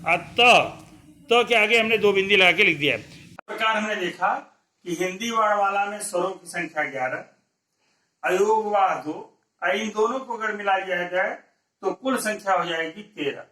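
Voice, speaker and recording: A man giving an explanatory lesson as a teacher. He poses questions and then answers them step by step, drawing out each example sound clearly. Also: high-pitched, moderate pace, bright, forceful tone. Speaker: Hindi teacher.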